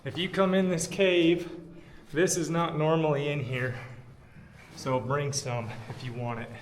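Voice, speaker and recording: A man's voice: a little high, fairly even intonation, measured pace, a little hiss or hum, rough recording. A man speaking informally and explaining things as he guides viewers through a cave for a vlog. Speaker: caving guide and video host. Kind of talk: casual vlog narration while exploring. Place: inside a cave.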